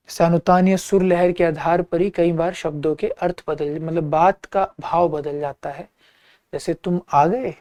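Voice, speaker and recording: A man's voice: sits high, darkish tone, no echo. A man teaching an exam-prep lecture, patiently repeating key terms and checking in with his listeners.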